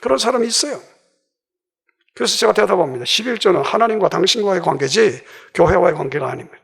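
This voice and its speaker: Male pastor, fervent sermon delivery, acts out the quotes, high and gravelly. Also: expressive, fast, a bit bright. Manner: impassioned preaching, acting out quoted voices.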